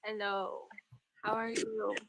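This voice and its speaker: A woman's voice: mid-range voice, flat delivery, takes it slowly, creaky, a bit bright. A young woman in her early twenties from Colorado, a hesitant, nervous caller in a casual chat. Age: 20s.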